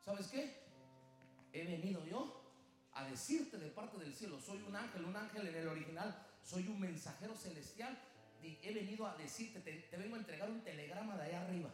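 A pastor voicing a solemn deep angel messenger. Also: male voice, animated. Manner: low and deliberate, announcing a message. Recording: very echoey church with faint music.

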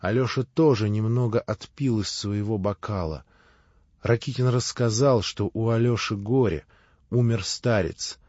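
A man reading a classic novel aloud with measured, expressive narration. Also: on the low side, no echo. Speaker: audiobook narrator. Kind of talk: literary audiobook narration. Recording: dry, slightly dull lo-fi.

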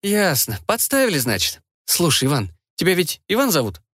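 A man reading an audiobook and voicing an enchanted frog who is really a sharp-tongued young woman, speaking high and bossy. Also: huge pitch swings, moderate pace, slightly rough, dry recording, studio quality, full character voice. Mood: exasperated. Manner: bossy, exasperated, high-pitched. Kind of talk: audiobook character voice.

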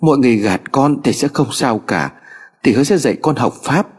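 A man's voice: medium pitch, lively intonation, fairly quick, darkish tone, breathy edge. A man voicing a desperate young girl who pleads and sobs over her dying teacher. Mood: pleading. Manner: pleading, sobbing.

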